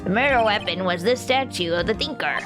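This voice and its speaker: A woman's voice: mid-range voice, lively intonation, a little fast, music in the background, close to an everyday voice. A woman voicing a stiff male prosecutor from a courtroom video game, formal and declarative. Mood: eager, declarative. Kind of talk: video game voice-over read-along.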